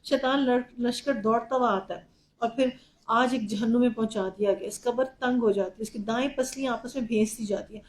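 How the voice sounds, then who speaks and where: A woman's voice: on the high side, fairly even intonation, reverberant, rough recording. Woman giving an Urdu religious lecture. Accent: Pakistani Urdu. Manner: vivid storytelling with personal anecdote. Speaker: Quran teacher.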